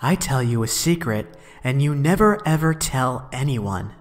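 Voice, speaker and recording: A man's voice: mid-range voice, animated, measured pace, big-room sound, faint music behind, lightly acted. A man voicing a creepy, withdrawn little girl. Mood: secretive. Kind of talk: scripted horror narration.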